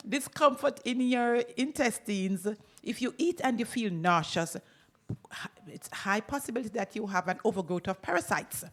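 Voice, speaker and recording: A woman's voice: on the high side, animated, normal speed, a bit bright. Lady doctor hyping her clinic on the radio, punchy and repetitive, lots of laughs. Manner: emphatic, repeats words for effect, laughs often. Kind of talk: radio health talk and promotion. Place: radio studio.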